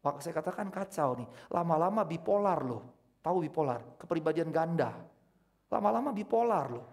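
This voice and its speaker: Middle-aged pastor, fairly high voice; chatty sermon style, alternating loud exclamations and hushed asides. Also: male voice, animated, moderate pace, gravelly. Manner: conversational, swings from loud exclamations to quiet intimate asides. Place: church.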